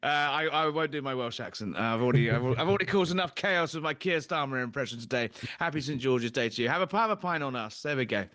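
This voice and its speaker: A man's voice: mid-range voice, expressive, fast, few pauses, bright, forceful tone. A man hosting a political talk show from Washington, firing off indignant rhetorical questions. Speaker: host. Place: studio in Washington DC.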